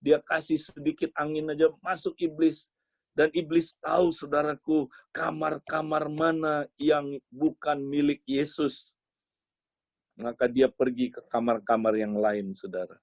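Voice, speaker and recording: A man preaching a sermon as a lively story, often turning to address his listeners directly. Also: on the high side, a little slow, no echo.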